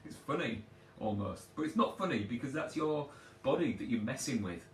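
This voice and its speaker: A man's voice: medium pitch, lively intonation, moderate pace. A man working as a personal trainer, giving rambling, chatty advice in a casual live Q&A from his sofa. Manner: rambling, chatty and self-deprecating. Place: at home on a sofa. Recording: echoey room, distant from mic, faint background noise.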